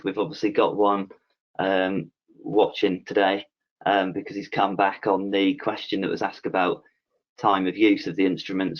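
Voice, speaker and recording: A man with a lowish voice hosts a relaxed webinar Q&A, reading out questions and moderating casually with lots of fillers. The call audio is dull and lo-fi.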